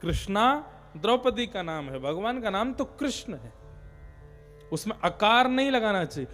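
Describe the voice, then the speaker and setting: A man preaching a devotional discourse, explaining in an animated way and breaking into sung chants as examples. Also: high voice, moderate pace, soft background music. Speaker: katha preacher.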